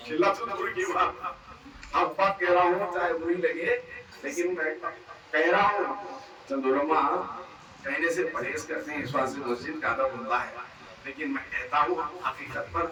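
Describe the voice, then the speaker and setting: A man preaching at a religious gathering, impassioned and pleading, with repeated phrases and rhetorical questions. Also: on the high side. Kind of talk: Urdu religious speech at a gathering. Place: large hall at a religious gathering. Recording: echoey PA sound from far off with crowd.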